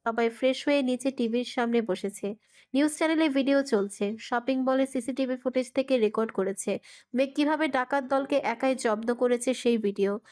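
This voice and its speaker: A woman with a fairly high voice reads a romance story aloud. She narrates in a steady, even manner. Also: normal speed.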